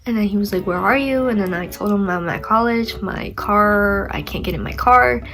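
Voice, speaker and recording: Her medium-pitched voice a bit bright and her pace moderate, a young woman vlogger with a stuffy nose tells a casual story. She rambles in a chatty way, using "like" often and tossing in self-mocking comments.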